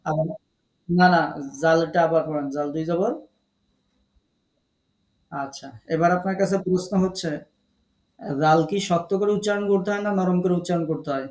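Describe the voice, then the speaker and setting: A man's voice: high-pitched, fairly even intonation, normal speed, long pauses, darkish tone. A man teaching Quran recitation in an online class, calling on students and patiently repeating syllables for them.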